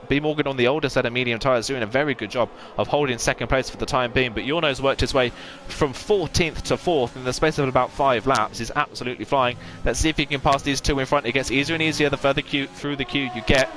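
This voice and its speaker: A man's voice: medium pitch, a bit bright. A man giving fluent, detailed live play-by-play commentary as an esports sim racing commentator.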